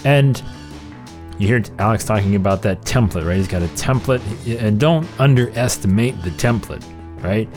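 Low-voiced man hosting a podcast over music. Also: expressive, moderate pace. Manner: rambling, self-interrupting, emphatic. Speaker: podcast host. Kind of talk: casual conversational commentary.

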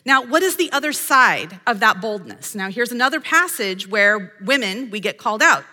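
A woman's voice: on the high side, lively intonation, normal speed, pushed and bright, long reverb tail. A woman hosting a devotional podcast, teaching women from scripture in an earnest, emphatic way and reading verses aloud. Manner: earnest and emphatic, quotes imagined voices and reads scripture aloud. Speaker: podcast host and Bible teacher.

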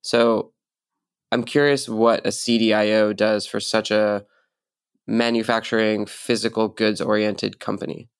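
Man, podcast host, low pitch, gravelly fry, friendly curious questions. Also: little pitch movement, measured pace. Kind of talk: podcast interview.

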